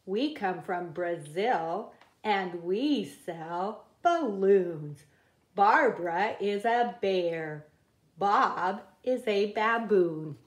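A woman reading a children's picture book aloud at a table, in a slow, careful read-aloud cadence. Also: medium pitch, animated, reverberant. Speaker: reader. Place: indoors at a wooden table.

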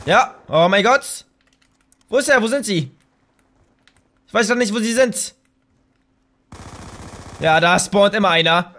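A young man with a German accent talks through a shooter match as live commentary. His voice sits very high and sounds bright and forceful. He trash-talks the other players and keeps bursting into excited shouts. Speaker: gaming YouTuber.

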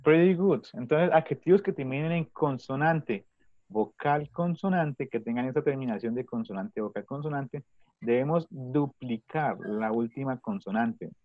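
A man's mid-pitched voice, slightly muffled and dull, sounds very dry and close with no room sound as he teaches an online English class in Spanish to children. He keeps his pace moderate and his intonation lively, patiently asking the pupils the same question over and over.

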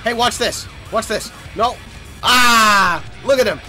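A man streaming a racing game, talking casually, swearing and shouting at the game. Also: high voice, slow pace. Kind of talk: casual gameplay commentary. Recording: game music over the voice. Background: game music.

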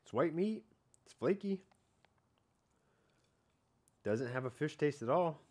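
A fishing vlogger in his thirties speaks slowly in a fairly high, darkish voice with lively intonation. Out on a patio at night, he casually talks through tasting fish for a catch-and-cook vlog recorded on a head-mounted camera, rambling and hedging with "like" and "I don't know".

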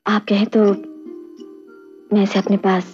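An actress playing a calm, practical woman who gives firm advice. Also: medium pitch, measured pace, soft background music, close to an everyday voice. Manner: firm and advising. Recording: dull old film soundtrack with score.

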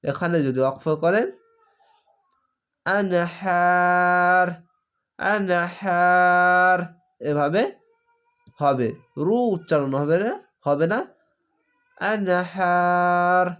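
A man's voice: fairly high pitch, expressive, darkish tone. A man with a Bangladeshi Bengali accent teaching Quran reading, spelling out each letter and vowel mark aloud, then blending the syllables. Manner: recites verses in a slow drawn-out chant. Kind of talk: slow spelling-out recitation lesson.

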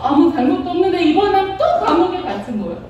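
A woman teaching kindergarten Sunday school, telling a Bible story in an animated, playful way and asking the children questions. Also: very high-pitched, quick pace, dull audio. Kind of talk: storytelling sermon for young children. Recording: echoey room, voice from far off.

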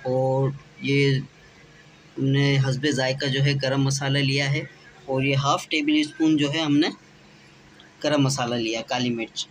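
A man's voice: medium pitch, level tone, unhurried, slight background noise, low-quality recording. A man hosting a home cooking channel, talking through each step of a recipe in a casual, chatty way with frequent filler phrases.

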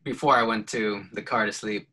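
Man, bright voice, hesitant, filler-heavy, casual video call guest, laptop mic. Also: fairly low pitch, fairly even intonation, normal speed, slightly rough, poor audio. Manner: hesitant, full of fillers and restarts, laughs lightly. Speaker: photographer guest.

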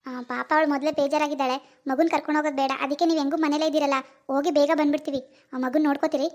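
A performer voicing a caring, cautious middle-aged mother-in-law in an animated family drama. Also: sits high, rapid-fire, lightly acted. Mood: concerned. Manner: firm but caring, worrying.

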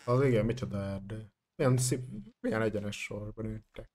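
A man's voice: on the low side, a little mellow, a little hiss or hum. A man playing a game with friends, laid-back and teasing. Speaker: fellow player. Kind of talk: casual gaming chat.

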